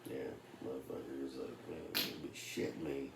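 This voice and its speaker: A man telling work stories in casual chat, loud and animated, swearing heavily. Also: rumbling low, moderate pace, vocal fry, distant mic. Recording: echoey room with faint noise.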